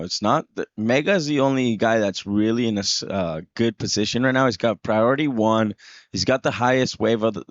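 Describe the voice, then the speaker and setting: A man's voice: on the low side, no echo, highs cut off. A man giving live surf contest commentary in a laid-back surfer manner.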